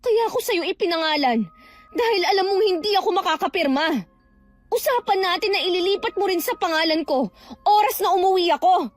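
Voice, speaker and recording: A woman's voice: very high voice, expressive, brisk, faint music behind. An actress playing a young woman who was cheated out of her house and angrily confronts her family. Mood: furious. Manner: confrontational, shouting accusations. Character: wronged young woman who worked abroad, furious.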